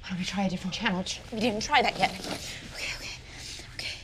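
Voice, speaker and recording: A woman's voice: mid-range voice, racing, natural voice. An actress playing a frightened woman desperate to escape, speaking in a panicked, breathless, urgent way in a found-footage horror film. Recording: noisy handheld found-footage audio.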